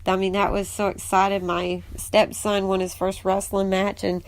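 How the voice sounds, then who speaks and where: Chatty stepmom telling stories. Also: female voice, mid-range voice, normal speed, dry recording. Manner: chatty storyteller, animated when quoting the kids. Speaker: podcast host, stepmom. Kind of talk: casual advice monologue.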